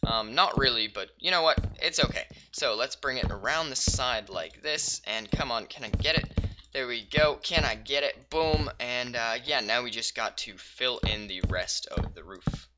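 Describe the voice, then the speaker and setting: A man giving relaxed let's-play commentary while building in a game, thinking aloud with many pauses and fillers and sudden excited bursts. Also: medium pitch, lo-fi sound, very noisy. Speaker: gaming YouTuber.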